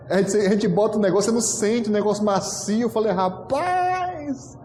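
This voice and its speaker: A pastor preaching a storytelling sermon, animated and acting out dialogue with frequent laughter. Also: male voice, high voice, a little hiss or hum. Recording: echoey hall with long reverb.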